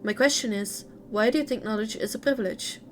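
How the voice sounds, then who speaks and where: A woman's voice: medium pitch, fairly quick, faint music behind, lightly acted. A woman voicing a polite professor chairing a thesis defense in a game's lore, speaking formally and courteously, close to her own voice.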